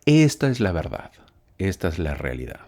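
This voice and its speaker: Low, animated male Bible teacher who quizzes himself out loud. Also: moderate pace. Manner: emphatic, asks and answers his own questions. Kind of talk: Bible lesson lecture. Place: living in Texas.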